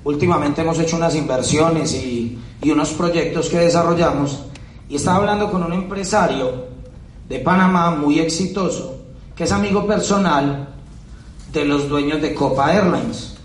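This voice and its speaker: A man's voice: fairly high pitch, normal speed, a little hiss or hum. A man giving an emphatic motivational speech to an audience at a business event, hammering points home with repetition and rhetorical questions. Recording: echoey hall, picked up from a distance.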